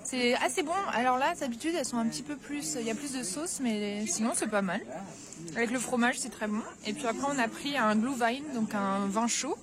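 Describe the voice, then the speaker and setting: A young woman with a fairly high voice talks quickly and casually to her viewers, full of fillers, as she explores a snowy castle and Christmas market and samples the food. It's a travel vlog recorded outdoors, with crowd and street noise behind her.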